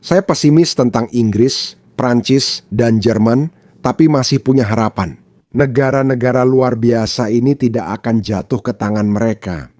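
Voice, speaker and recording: A man from Pakistan delivers pointed commentary in a mellow, relaxed tone. He stresses his points by repeating them, and the dry recording has no room sound. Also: mid-range voice, normal speed, no echo. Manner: emphatic, repeats points for effect. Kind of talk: opinionated commentary.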